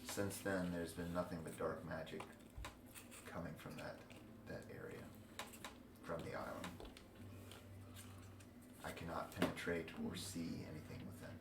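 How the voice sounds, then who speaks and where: An ancient, wise talking tree, acted out by a man in a tabletop fantasy game. It speaks solemnly and disapprovingly, with weighty gravity. The low voice echoes in a room over noisy ambience. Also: little pitch movement, vocal fry, distant mic. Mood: grave, solemn. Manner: slow, solemn, portentous. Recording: roomy echo, noisy background ambience.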